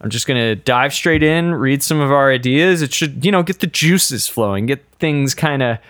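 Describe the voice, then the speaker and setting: A man's voice: medium pitch, moderate pace, fairly bright tone, no room sound. A man co-hosting a podcast in casual chat, dry and teasing, reading out old notes. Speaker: podcast co-host.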